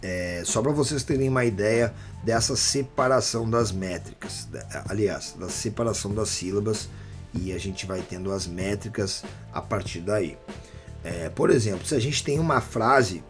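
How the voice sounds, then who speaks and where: A man with a Brazilian Portuguese accent teaching a casual online rap workshop, explaining things in a relaxed, slangy way with lots of fillers. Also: on the low side, normal speed, faint music behind.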